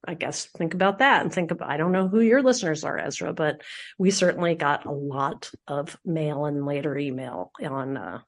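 A middle-aged woman from Philadelphia, a public radio host being interviewed, talking in an earthy, candid, lively way. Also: sits low, moderate pace. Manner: earthy, animated, self-deprecating. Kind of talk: casual interview chat.

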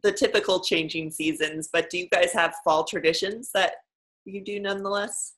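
A woman's voice: fairly low pitch, fairly even intonation, moderate pace, a bit bright, low-quality recording. A woman interviewing a guest in a casual, encouraging way, often laughing and affirming the answers.

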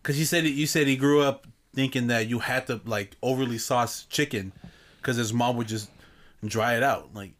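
A man with a slight lisp, hosting a podcast with friends. He talks in a loose, joking, profane way at a middling pitch. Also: moderate pace, fairly bright tone. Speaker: podcast host. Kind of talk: casual chat.

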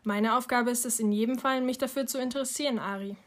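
A woman reading an audiobook, voicing a gentle, protective mother who is also a teacher, speaking softly and patiently. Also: on the high side, quick pace, natural voice. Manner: soft, patient.

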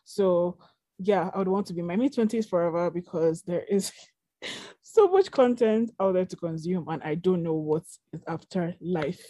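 A woman's voice: on the low side, animated, moderate pace, mellow, no room sound. A young adult woman co-hosting a casual podcast chat, talking in a rambling way with lots of fillers. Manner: chatty, rambling, many fillers.

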